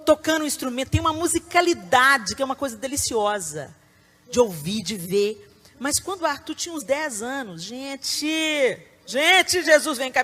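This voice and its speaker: A middle-aged woman with a Brazilian Portuguese accent, preaching to a conference audience with emphatic, animated delivery and sudden loud bursts. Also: high voice. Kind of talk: sermon. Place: conference hall before a live audience.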